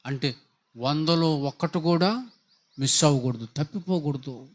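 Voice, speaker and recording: Male pastor, fervent sermon delivery, rhetorical questions, voice on the higher side. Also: measured pace. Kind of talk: Telugu sermon.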